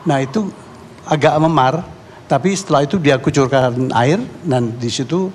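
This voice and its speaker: A man from Indonesia telling what he saw as a guest on a televised talk show, his speech halting and full of restarts. His voice sits at an ordinary pitch for a man. It rings with a long hall reverb, and faint room ambience runs underneath. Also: a little mellow, a little hiss or hum. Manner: halting, repeats and restarts words. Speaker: neighborhood head and eyewitness guest. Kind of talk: eyewitness account on a talk show.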